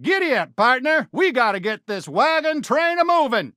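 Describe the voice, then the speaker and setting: A man voicing a friendly toy cowboy sheriff for a video game, with an American accent and a folksy, eager, expressive drawl. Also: extremely high pitch, moderate pace, dry recording, studio quality, full character voice. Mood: excited, hearty. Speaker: video game character greeting players. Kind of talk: animated game voice lines.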